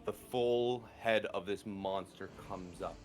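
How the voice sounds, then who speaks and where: A man acting as game master, narrating a tabletop fantasy game with suspenseful, drawn-out phrasing. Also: low voice, faint music behind.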